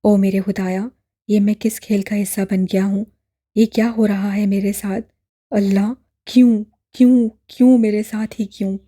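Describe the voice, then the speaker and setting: A woman voicing a distraught young man who pleads and shouts in despair, in an audiobook drama. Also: medium pitch, flat delivery, a little slow, slightly rough. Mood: desperate.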